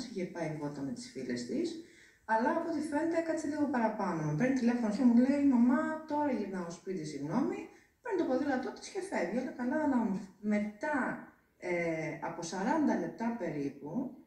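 Woman, interviewed mother, animated low-toned telling, roomy distant sound. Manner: tense retelling with shifting pitch and hesitations. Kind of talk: emotional recounting interview. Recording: echoey, distant mic.

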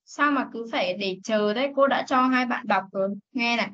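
A woman teaching an English class over a video call, reading sentences slowly for students to repeat and correcting them firmly. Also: on the high side, a bit bright. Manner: reads English slowly for repetition, scolds firmly. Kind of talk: online class instruction. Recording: dull lo-fi meeting recording.

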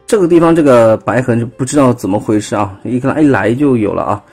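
A toy reviewer with a Taiwanese Mandarin accent talks quickly in a mid-range, slightly mellow, husky voice. Filmed on a phone at an indoor table, his casual hands-on demo explains a toy's transformation step by step, pointing out parts with lots of fillers.

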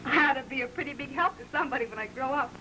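A woman's voice: sits high, racing, natural voice. An actress playing a slangy, playful young working-class American woman in an early talkie. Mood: coy, hopeful. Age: young adult. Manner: slangy, chatty. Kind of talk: early talkie film acting. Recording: noisy old film soundtrack.

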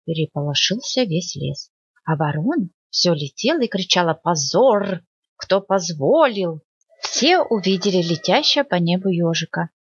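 A woman librarian reading a children's fairy tale aloud in an expressive storytelling manner. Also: slightly rough, dry recording. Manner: expressive storytelling, lively pitch. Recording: dull lo-fi dry recording.

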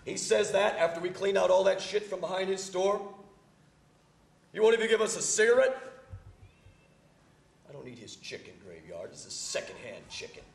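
A man's voice: sits low, expressive, fairly quick, hardly any pauses, heavily acted. An actor playing a hot-tempered, insistent homeless man in a stage play, speaking in street slang. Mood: angry, demanding. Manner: slangy, insistent, flaring up loudly. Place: theater stage. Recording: distant, echoey theater stage, faint noise.

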